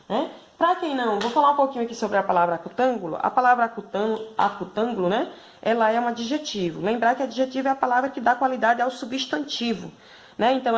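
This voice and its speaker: A woman with a Brazilian Portuguese accent giving a video math lesson to schoolchildren, explaining patiently and checking in with constant tag questions. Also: a little high. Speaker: primary school math teacher.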